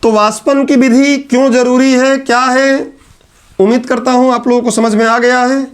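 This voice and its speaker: A male teacher giving a classroom lecture at a whiteboard. He chats with his students, teases them in asides, and repeats key terms slowly. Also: very high voice, level tone, smooth. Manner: chatty, teasing asides to students.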